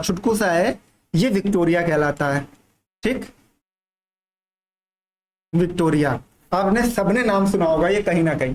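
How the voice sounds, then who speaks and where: High-voiced man teaching exam prep. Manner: repetitive, checks in with "thik hai" constantly; drawls key terms slowly. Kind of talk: general studies lesson over a map.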